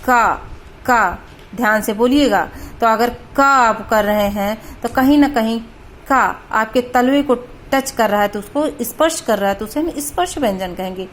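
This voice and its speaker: A woman's voice: fairly high pitch, slight background noise. Patient woman teaching Hindi grammar. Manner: patient, repeats sounds slowly to demonstrate pronunciation; mixes in English words. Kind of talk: explaining at a board.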